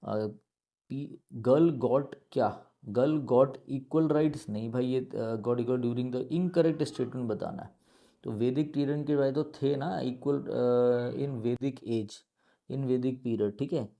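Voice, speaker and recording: A man's voice: mid-range voice, takes it slowly, creaky, mellow, dull audio. A man teaching an exam-prep English lesson with an Indian English accent, mixing Hindi and English and spelling words out letter by letter.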